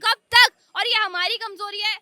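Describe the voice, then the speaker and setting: A woman speaking as a panel guest in a heated political debate, forceful and lecturing, firing off rhetorical questions. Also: very high-pitched, fairly even intonation, moderate pace, no room sound.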